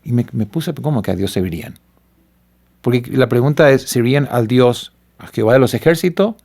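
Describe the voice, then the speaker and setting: Gravelly middle-aged Paraguayan pastor. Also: male voice, medium pitch, brisk. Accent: Paraguayan Spanish. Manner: earnest, animated storytelling. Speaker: pastor and father. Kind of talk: conversational testimony.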